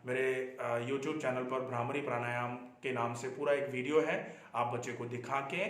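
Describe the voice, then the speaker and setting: A man's voice: mid-range voice, fairly bright tone. A middle-aged man, a doctor, giving health advice in an earnest explanatory talk, repeating points for emphasis. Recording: echoey room.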